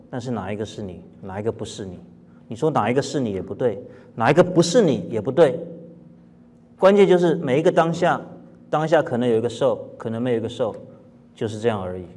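A man teaching Buddhist scripture in a calm, plain-spoken lecture, asking his listeners rhetorical questions and now and then clearing his throat. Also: mid-range voice. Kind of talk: dharma lecture.

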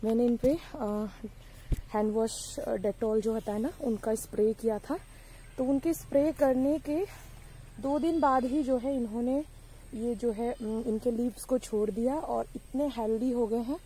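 A young woman films a casual garden tour vlog on a handheld phone in her sunny vegetable garden, chatting to viewers like friends with lots of fillers, hot and bothered by sun and mosquitoes. Her voice is fairly high, husky and dark-toned, with fairly even intonation and an unhurried pace. The recording is low quality.

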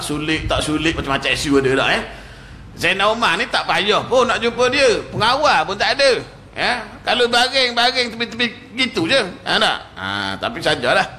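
A man's voice: on the high side, slight background noise. A man with a Malaysian Malay accent giving a mosque lecture, telling a story and acting out the quoted lines. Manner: animated storytelling, acts out quoted speech. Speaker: religious teacher. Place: prayer hall.

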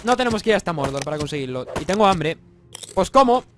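A young Spanish man talks over his game in a fairly high voice that leaps up and down. He jokes, swears and breaks into yells, sounding a little congested from a cold. Faint noise sits under his home-mic recording. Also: fast talker. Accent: Spanish from Spain. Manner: excitable, swearing, joking, bursts into yells. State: slightly congested, sore throat. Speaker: gaming YouTuber. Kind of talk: casual let's-play commentary.

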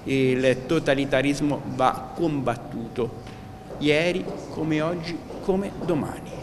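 A man delivers a formal, emphatic speech as a politician in a council chamber. The long reverb of the hall carries his words. A steady background noise sits under the voice. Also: a little high, slow.

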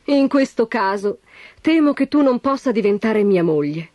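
A woman voicing a young, courtly male prince in a children's story, in a measured, formal tone. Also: fairly high pitch, expressive, darkish tone, no room sound, dull audio, natural voice. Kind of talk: storybook reading.

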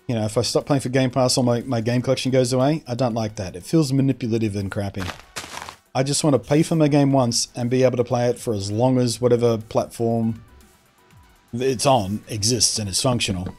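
A man's voice: medium pitch, a little fast, darkish tone, soft background music. A man chatting casually on a live stream, answering chat in an opinionated, rambling way, often trailing off and restarting his sentences.

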